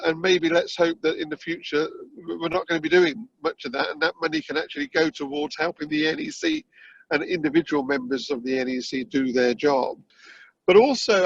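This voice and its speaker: Man calling in from a car, gravelly and husky. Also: fairly high pitch. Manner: earnest, many fillers and restarts. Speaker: election candidate on a panel. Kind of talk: earnest political discussion. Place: back seat of a car being driven. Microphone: phone or call audio. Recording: muffled lo-fi call audio from a car.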